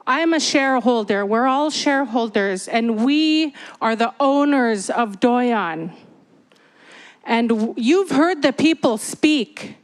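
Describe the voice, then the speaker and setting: A woman shareholder introducing herself formally and addressing a meeting in measured, repeated phrases. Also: fairly high pitch, animated. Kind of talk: formal public comment speech. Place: hotel meeting hall.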